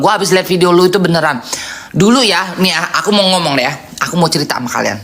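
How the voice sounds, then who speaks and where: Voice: mid-range voice, sharp tone. A live streamer talking bluntly and gossiping in a chatty way, sometimes acting out quoted lines in a raised voice. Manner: blunt, outspoken, chatty storytelling.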